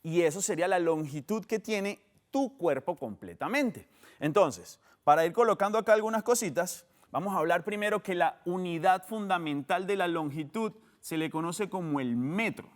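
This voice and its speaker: A man teaching a math lesson on an educational TV program, with a Colombian Spanish accent, explaining step by step and showing things as he goes. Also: sits high. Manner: animated, explains step by step with demonstrations.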